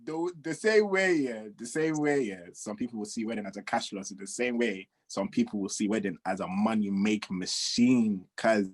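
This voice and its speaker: A man's voice: on the low side, normal speed, hardly any pauses. A young man co-hosting a casual podcast chat, joking and acting out quotes. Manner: lively, joking, acts out quotes. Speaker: podcast co-host.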